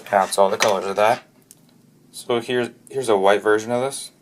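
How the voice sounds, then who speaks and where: A man's voice: on the low side, fairly even intonation, noisy background. A man narrating an unscripted product review off the cuff, often stopping to restart and correct himself mid-sentence. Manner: halting, frequent restarts and self-corrections.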